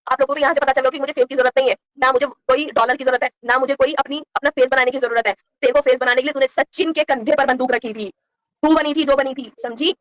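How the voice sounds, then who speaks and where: A woman's voice: high-pitched, steady tone, dry recording. A woman ranting angrily on a live stream, answering critics in a confrontational, scolding way. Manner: confrontational, scolding, rapid-fire. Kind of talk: heated live-stream rant.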